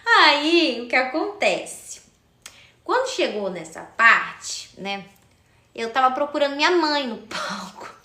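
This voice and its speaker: A woman's voice: high-pitched, big pitch swings, slow pace, bright, forceful tone, roomy sound. A young adult woman chatting casually on a live stream, telling a childhood story and greeting viewers by name. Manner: chatty, addresses viewers, thanks commenters by name.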